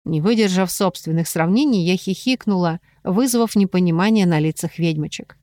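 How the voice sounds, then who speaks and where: A woman narrating a novel in the first person, with a wry, expressive reading. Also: on the low side, normal speed, dry recording, clean studio sound. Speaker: audiobook narrator.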